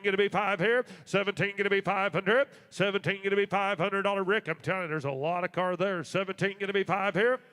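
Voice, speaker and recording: A man working as an auctioneer, calling bids in a rapid, repetitive, rolling live chant. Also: high-pitched, fairly even intonation, a bit bright, clear, resonant tone. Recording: long hall reverb.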